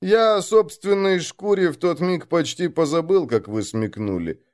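A man's voice: on the high side, lively intonation, moderate pace, a little mellow. A man narrating a first-person story in an urgent, emotional way.

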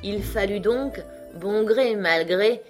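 A woman reading a classic novel aloud as an audiobook, in a measured, composed manner. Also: mid-range voice, faint music behind. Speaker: audiobook reader. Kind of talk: scripted narration of a classic novel.

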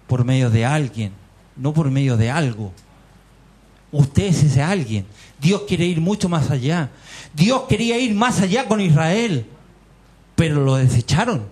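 A man's voice: a little high, lively intonation, a little slow, long pauses, darkish tone, slightly rough. A man with a Chilean accent preaching a fervent sermon in a church meeting hall, firing rhetorical questions and calling his listeners brothers. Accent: Chilean Spanish. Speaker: lay preacher.

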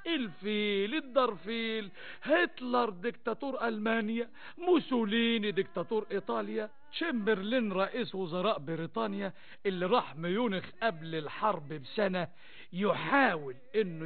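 Egyptian café storyteller, thin old-radio sound. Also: male voice, high voice, narrow, tinny audio. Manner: theatrical, addresses listeners, poses and answers questions. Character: wry, playful male storyteller mocking high society. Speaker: narrator. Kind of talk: Arabic café storyteller narration in rhymed colloquial prose.

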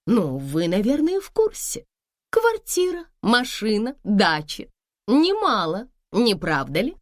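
A woman's voice: medium pitch, huge pitch swings, slow, dry recording, clean studio sound. A woman voicing a confident, mocking middle-aged wife who speaks with sarcastic scorn and keeps pressing her rival. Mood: scornful.

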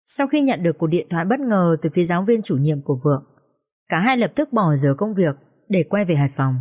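Woman narrator, audiobook story, steady delivery, low voice. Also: brisk, breathy edge.

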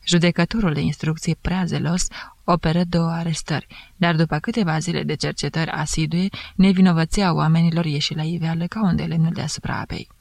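Gravelly-voiced woman reading a novel. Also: deep voice, fairly even intonation, a little mellow, no room sound. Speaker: audiobook reader. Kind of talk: scripted narration.

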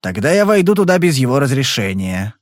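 Man reading a calm blunt detective, probing questions, mid pitch, dry close sound. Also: fairly quick, dry recording, lightly acted. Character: cool, persistent male private detective.

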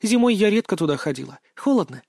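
A wary young woman speaks in short, reluctant replies, as a male reader puts her on. Her voice sits high in a dry, close recording. She sounds sour and guarded. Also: big pitch swings, fast talker, vocal fry, a little mellow, no echo, full character voice. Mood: reminiscing.

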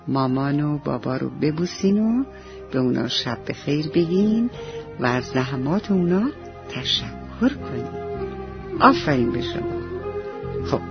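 A man's voice: a little high, gravelly. A man narrating a children's bedtime story, addressing the young listeners affectionately. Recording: dull lo-fi dry recording with soft music.

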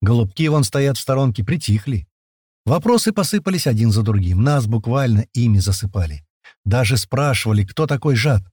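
A man's voice: medium pitch, a little fast, husky, no echo, studio quality. A man reading an audiobook aloud, narrating in the first person and voicing the dialogue. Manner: lively, shifts voice for quoted characters.

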